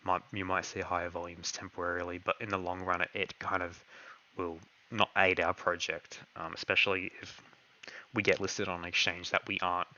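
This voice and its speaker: Low-voiced man losing his voice. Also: flat delivery, brisk, pushed and bright, muffled recording. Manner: hesitant, heavy on fillers and "kind of". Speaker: crypto project host answering community questions. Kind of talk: live online Q&A chat.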